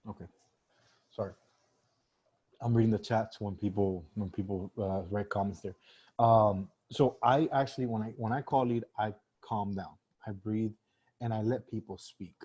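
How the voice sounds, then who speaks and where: A man's voice: fairly low pitch, steady tone, moderate pace, darkish tone, breathy edge, dull audio. A man teaching sales in a casual live-stream talk, conversational with many fillers and restarts. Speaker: sales trainer.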